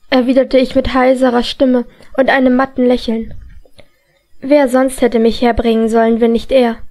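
High-voiced woman reading a novel. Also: a little mellow. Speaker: audiobook reader. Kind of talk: first-person audiobook narration.

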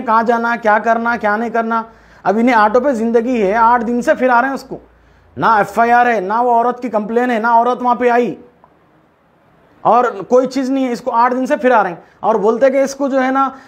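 Man, Hyderabadi accent, spokesman at a press interview. Very high pitch, indignant and rhetorical. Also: muffled recording. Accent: Hyderabadi Urdu. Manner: indignant, rhetorical questions, addresses officials directly. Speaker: local spokesman speaking for the driver. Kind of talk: complaint to the press.

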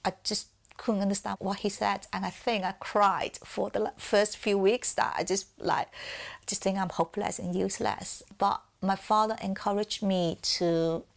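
A middle-aged woman from southern China, a musician, candidly tells her life story in an interview, speaking with a Chinese accent. Her voice is gravelly and medium-pitched, her delivery flat and moderately paced. She is reflective and now and then laughs softly.

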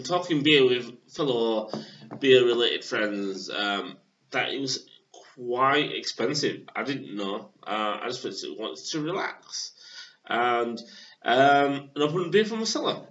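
A man in his thirties from England, casually reviewing a beer at home on a webcam, with plenty of hesitant fillers. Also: mid-range voice. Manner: halting, filler-heavy, relaxed. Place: small room at home. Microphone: webcam at desk. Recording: dull lo-fi webcam audio.

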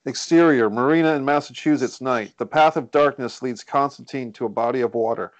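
This man hosts a script read over a group video call indoors, delivering the stage directions as scripted narration in a medium-pitched voice that runs a little fast. The recording is muffled, with no room sound.

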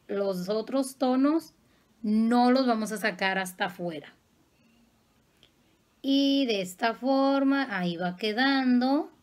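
A makeup artist woman guides viewers through her look one step at a time. She talks slowly and affectionately, in a slightly high voice, and keeps checking that they follow. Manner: patient, affectionate teaching tone.

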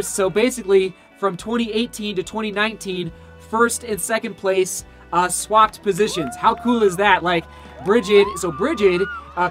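Full of enthusiasm, if a little hoarse and tired, a thirty-something running vlogger rambles through a casual breakdown of race results to camera, using fillers and correcting himself. His voice is high-pitched and fairly bright, and he records in a small home studio with shoe brand boxes.

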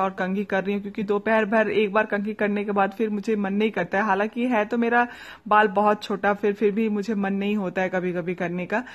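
A young woman with an eastern Uttar Pradesh Hindi accent narrates her evening at home, recorded on a nearby phone or camera. Her delivery is casual and chatty, softly spoken, often ending thoughts with "right?" to draw the viewer in. Her voice sits in a middle range for a woman. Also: mid-range voice. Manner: chatty, soft-spoken, fond tag questions. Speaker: vlogger. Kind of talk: casual daily vlog narration. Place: family home, indoors and courtyard.

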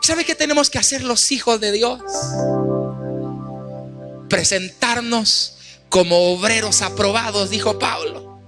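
A man's voice: high-pitched, unhurried, pauses often. A man preaching a Sunday sermon in a church, exhorting the congregation with emphatic repeated calls and acting out little scenes between husband and wife. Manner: acts out wife and husband in asides. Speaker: pastor. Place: church sanctuary. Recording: live hall with echo and music.

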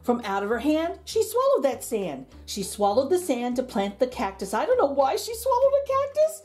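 A middle-aged woman who reads children's stories and hosts a channel performs a picture book theatrically and rhythmically, stretching out the ends of lines. Her voice is high with huge pitch swings and a darkish tone, and faint music plays behind her.

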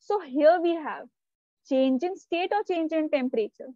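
A high-pitched woman teacher with a soft, mellow tone. She explains step by step and keeps checking that her students follow. The sound is dull and lo-fi, like online class audio, and very dry. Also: moderate pace, no room sound. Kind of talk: live online class lecture.

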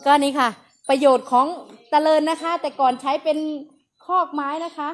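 High-pitched lady chatting away outdoors, teasing and polite. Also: steady tone, normal speed. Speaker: vlogger narrating elephant calves. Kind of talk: casual on-the-spot commentary. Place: outdoors at an animal pen.

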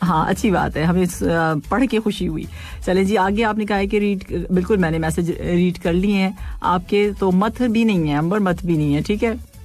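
A woman hosting a casual radio show, reading listener messages, playful and quick to laugh and tease. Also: lowish voice, a little mellow, soft background music. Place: radio studio.

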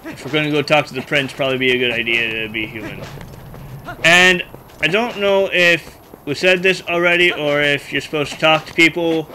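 A man hosting a let's play, chatting casually and thinking out loud as he plays a video game. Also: on the high side, slight background noise, low-quality recording. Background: game music.

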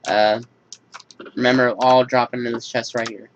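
His voice is mid-range and level, his pace moderate, as this young gaming host covers a build tutorial and then a relaxed, filler-heavy personal update. It is recorded at home in a room, the audio dull, lo-fi, and lightly hissy.

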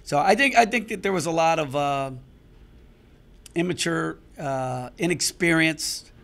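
A fairly high, fairly bright voice with vocal fry and an unhurried pace comes from a middle-aged basketball head coach. After the game he speaks plainly, with some frustration, restarting phrases mid-thought. He's in front of a sponsor backdrop in the press room, using a handheld mic on a stand close in front.

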